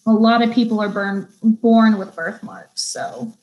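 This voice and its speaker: A young woman teaching an online beauty school lesson, reading definitions slowly and chatting between them with easy laughs. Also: mid-range voice, dull audio. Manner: chatty, laughs easily, stumbles and restarts; reads definitions slowly, then chats. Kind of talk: live online vocabulary lesson.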